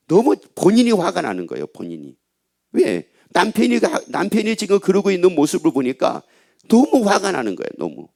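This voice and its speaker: A male pastor delivers a sermon in a high voice that swings widely up and down. He speaks straight to his listeners, asks one rhetorical question after another and repeats phrases to press each point. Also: gravelly, darkish tone. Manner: emphatic rhetorical questions to the congregation; repeats and restates phrases for emphasis.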